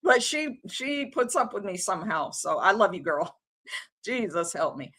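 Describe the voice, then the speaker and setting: A woman's voice: mid-range voice, big pitch swings, a little slow, bright, forceful tone. A woman, hosting a livestream and ranting in an exasperated, casual, slangy way. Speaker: livestream host.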